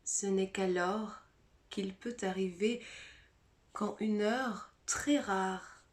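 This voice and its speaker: A woman with a mid-pitched voice recites poetry very slowly, every phrase spaced out with long pauses. Her delivery is soft and breathy, sinking now and then into a near whisper. It sounds like a phone recording. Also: steady tone. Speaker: mezzo-soprano reciting a poem.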